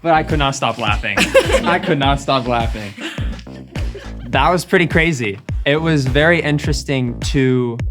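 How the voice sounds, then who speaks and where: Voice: medium pitch, normal speed. A game show contestant in a confessional interview, giggly and reflective. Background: background music.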